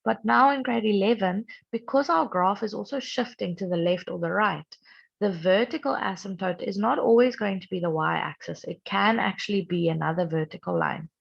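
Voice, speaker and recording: A young woman maths teacher who is sick and strained, patiently explaining a recorded lesson and clearing her throat often. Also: medium pitch, moderate pace. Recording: dull lo-fi recording.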